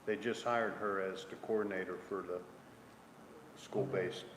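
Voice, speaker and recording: A man chairing a public school board meeting, relaxed and informal, often trailing off softly. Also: low-pitched, unhurried. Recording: echoey room with long reverb, faint noise.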